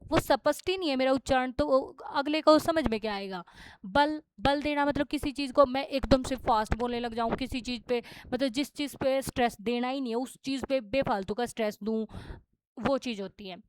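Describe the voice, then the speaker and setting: A woman's voice: on the high side, clean tone, dry recording. A young woman with a Haryanvi Hindi accent teaching an exam-prep lesson, explaining in a casual way with English terms mixed in.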